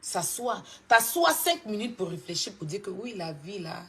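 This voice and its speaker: A woman's voice: mid-range voice, very animated, normal speed, fairly bright tone. A woman from Côte d'Ivoire with an Ivorian French accent, scolding and mocking someone in a heated live-stream rant, repeating her points with insistence. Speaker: social media personality.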